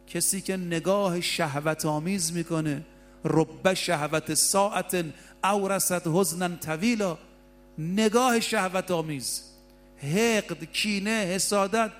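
A man preaching a sermon, passionate, moving between soft asides and raised exclamations. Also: sits high. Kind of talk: religious sermon.

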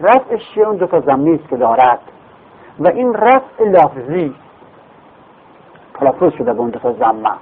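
A man's voice: on the high side, sing-song, pauses often, a little hiss or hum. A man teaching grammar in a classroom lecture, explaining patiently, repeating terms and asking and answering his own questions. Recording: phone-like lo-fi recording.

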